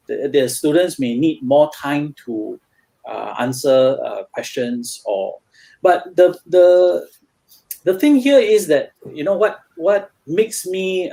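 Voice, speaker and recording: A man with a Singaporean English accent talks as a guest tutor in a relaxed interview. He pauses often, filling gaps with "uh" and "you know" and restarting his sentences. His voice sits a little higher than most men's. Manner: hesitant, many fillers and restarts. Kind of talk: casual interview chat.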